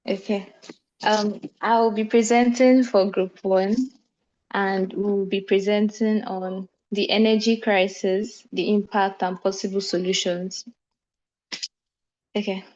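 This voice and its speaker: A woman's voice: medium pitch, a little slow. Woman presenting over a screen-recorded call. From Nigeria. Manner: steady explanatory delivery with brief self-corrections. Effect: screen-recorded video call audio. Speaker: mentee group presenter. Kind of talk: online class presentation. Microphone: computer microphone on a video call. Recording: dull lo-fi video call audio.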